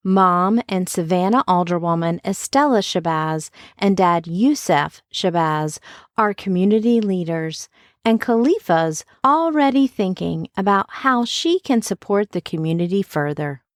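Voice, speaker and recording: A woman's voice: lowish voice, lively intonation, measured pace, no echo. A woman hosting a podcast, speaking from inside a clothes closet. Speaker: podcast host. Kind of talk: scripted introduction, then casual interview chat. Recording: close, dry closet sound.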